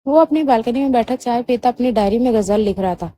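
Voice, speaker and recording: A woman with a high-pitched voice narrates a romantic novel for her channel. Her delivery is expressive and emotional, in steady audiobook storytelling. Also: dry recording. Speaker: novel reader and channel host.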